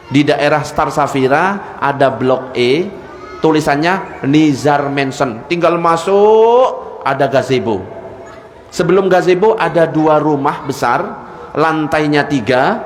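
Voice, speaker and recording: High-voiced joking man preaching in an echoey hall. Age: young adult. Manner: joking, teasing the audience with questions. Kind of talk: humorous religious sermon. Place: large hall with a live audience. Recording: echoey hall with audience laughter.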